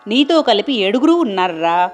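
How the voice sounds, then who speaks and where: A woman's voice: mid-range voice, big pitch swings, normal speed, soft background music, natural voice. A woman voicing an old scolding guru. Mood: exasperated. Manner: exclaiming, scolding. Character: old male guru, exasperated teacher.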